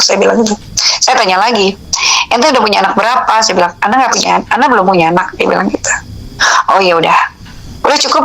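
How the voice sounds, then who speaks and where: Over a rough recording comes the medium-pitched voice of a middle-aged Indonesian woman, at least 45. As an interviewee and religious counsellor, she tells a personal story with animation, acting out its dialogue casually.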